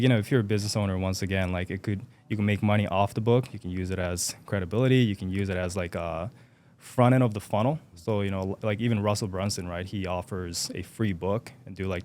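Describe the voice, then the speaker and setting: Low-voiced young man, hesitant speech. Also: fast talker, darkish tone. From Japan. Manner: hesitant, many fillers and restarts. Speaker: podcast guest. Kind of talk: casual interview chat.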